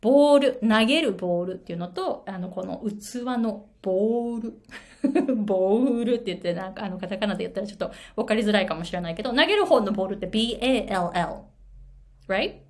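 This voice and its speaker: Her voice sits in the mid range and moves a little quickly. This middle-aged Japanese woman tells lively stories while coaching English pronunciation in a relaxed video lesson, mixing Japanese with English.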